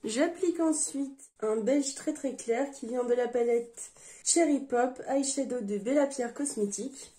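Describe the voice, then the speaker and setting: A woman narrating a makeup tutorial as a beauty vlogger, explaining each step in a relaxed way. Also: a little high, a little slow. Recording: music playing behind the voice.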